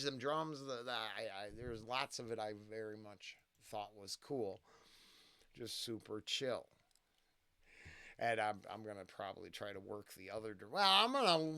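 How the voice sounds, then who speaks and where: A man's voice: medium pitch, fairly bright tone, no echo. A man hosting a casual first-listen music reaction, talking in a rambling, tangential way with lots of fillers and restarts.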